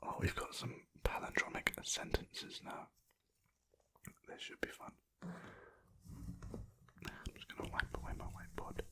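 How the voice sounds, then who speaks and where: This ASMR creator takes it slowly, leaving long pauses between soft, unvoiced whispers picked up close on a sensitive mic. They read lines aloud while rambling and teasing themself.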